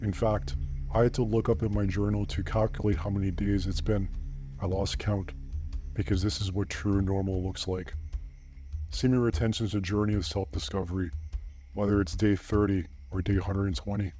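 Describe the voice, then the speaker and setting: A man speaks through a pitch shifter that drops his voice deeper and darker. His tone is mellow and low. He delivers an earnest, preachy scripted monologue over faint background music. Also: flat delivery, moderate pace. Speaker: channel host.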